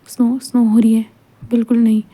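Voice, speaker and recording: A woman's voice: fairly high pitch, monotone, breathy edge. Woman doing a clingy young man shivering from cold. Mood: pleading. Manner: soft, halting, repeats words.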